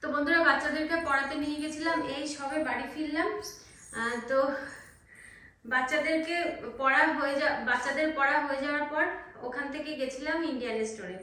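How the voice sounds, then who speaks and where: Speaking fairly quickly in a high, steady, sharp-toned voice, a woman from India chats with her viewers in a home vlog, often pausing on hesitant fillers. She's a homemaker filming on her phone indoors, and she sounds set back from the mic in an echoey room.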